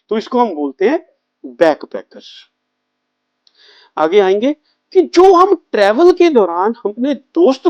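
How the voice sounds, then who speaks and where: A man teaches travel vocabulary, speaking with a very animated, swinging pitch and stretching the terms out so learners can repeat them. The recording is dry and close, with a slightly dull, muffled sound. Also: no echo. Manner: explains slowly, drawing out English words for the learner to repeat. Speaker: English teacher. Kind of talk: spoken vocabulary lesson.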